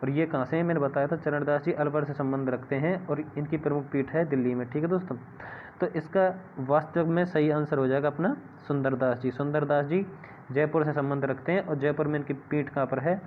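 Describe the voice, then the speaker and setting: A man's voice: a little high, fairly even intonation, a little fast. A man teaching an exam-prep lesson, often asking viewers a question and answering it himself. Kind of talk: classroom-style exam lesson. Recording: tinny phone-like audio with faint hiss.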